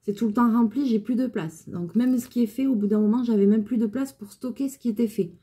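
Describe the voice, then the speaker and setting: A woman's voice: a little high, brisk, mellow, husky. A woman who runs a clothing alterations shop, chatting casually and venting with exasperation about her customers.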